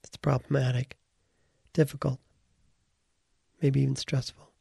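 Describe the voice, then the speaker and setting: A man leading a slow guided visualization, calm and soft-spoken, sometimes slipping into a whisper. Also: mid-range voice, vocal fry, breathy edge, dry recording, clean studio sound. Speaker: guided meditation leader.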